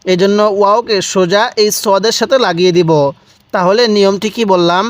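A man teaching Quran reading, spelling out letters and syllables slowly and repeating each one for the learner. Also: high-pitched, steady tone, dry recording. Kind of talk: slow spelled-out recitation lesson.

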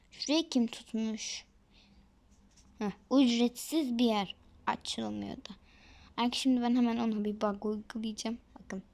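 A woman's voice: a little high, darkish tone. Chatty woman narrating her gameplay. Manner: chatty, often drops to a whisper. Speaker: gaming video creator. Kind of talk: casual gameplay commentary to viewers.

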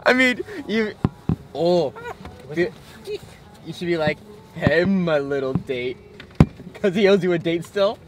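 A man's voice: high-pitched, animated, a little slow, long pauses. A young man hosting a casual vlog from inside a vehicle, laid-back and joking, laughing often. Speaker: vlogger host.

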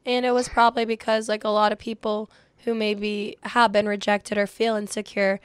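A woman's voice: medium pitch, level tone, moderate pace, clean tone, no echo. A young woman co-hosting a podcast, interviewing a guest with friendly, encouraging reactions in a small studio on a close mic. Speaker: podcast co-host. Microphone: studio mic on arm.

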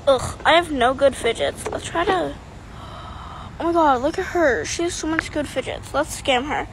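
Woman playing a whiny pushy girl, high pitched, noisy recording with traffic behind. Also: moderate pace. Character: bratty scheming girl trader.

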